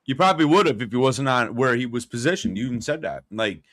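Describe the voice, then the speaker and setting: A man's voice: mid-range voice, expressive, quick pace, fairly bright tone, no room sound, clean studio sound. A man co-hosting a casual chat, laid-back and affectionate, with many fillers.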